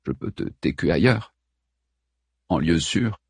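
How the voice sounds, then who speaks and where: A man voicing a worried, loving man who speaks in a hushed, low voice in an audiobook. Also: expressive, slow, vocal fry, slightly rough, no echo, full character voice.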